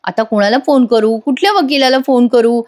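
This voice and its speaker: A woman's voice: on the high side, a little fast, darkish tone, natural voice. A woman voicing a frustrated young woman hunting for a lawyer, in a soap recap voice-over, muttering in exasperation. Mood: exasperated.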